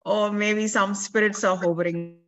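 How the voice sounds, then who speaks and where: A woman speaking through a laptop's built-in microphone, her voice echoing, as she talks in a measured, thoughtful way, searching for words. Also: medium pitch, fairly even intonation. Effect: echoing voice through a laptop's built-in mic. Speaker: guest speaker. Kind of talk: reflective discussion on a video call.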